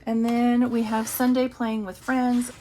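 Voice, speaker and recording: A woman's voice: on the high side, level tone, unhurried, mellow, a little hiss or hum. A woman casually talking through her savings challenges, chatty and thinking aloud as she counts. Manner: chatty, talks to herself while counting. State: has the hiccups. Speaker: budgeting vlogger.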